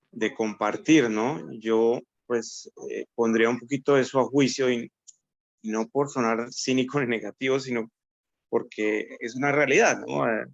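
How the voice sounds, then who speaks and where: A man's voice: mid-range voice, a bit bright, highs cut off. A man from Colombia with a Colombian accent, speaking as a university academic in a conversational panel, thoughtful and hesitant, often ending with "¿no?". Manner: thoughtful, hesitant, many "¿no?" tags.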